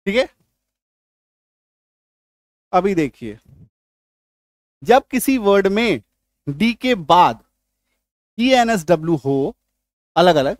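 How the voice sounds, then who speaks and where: High-voiced man teaching spelling rules. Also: dry recording, clean studio sound. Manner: explains slowly, spells out letters, asks rhetorical questions. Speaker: English teacher. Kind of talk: spoken English lesson.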